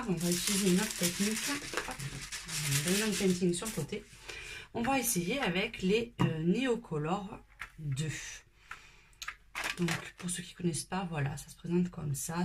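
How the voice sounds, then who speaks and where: A woman with a fairly low voice runs a step-by-step coloring tutorial, chatting in a relaxed way with fillers and sometimes dropping to a whisper. There's noise in the background.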